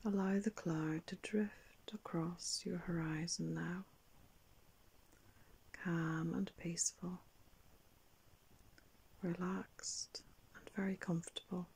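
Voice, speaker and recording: An older woman narrating a guided meditation like a sleep story, in a soft, breathy whisper, calm and unhurried with long pauses. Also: lowish voice, poor audio. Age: older, around 60s. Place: small indoor room.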